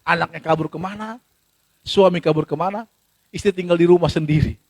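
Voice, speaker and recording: A man's voice: a little high, steady tone, a little fast, a little mellow, no echo. A male pastor in a church gives a sermon in a conversational, storytelling way, acting out bits of dialogue.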